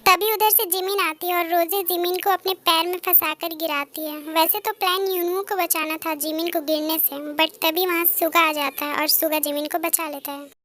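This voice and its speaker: A woman's voice: extremely high pitch, fairly even intonation, moderate pace, pushed and bright. A woman narrating a fan-dubbed love story in a plain storytelling manner. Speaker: narrator and voice actor.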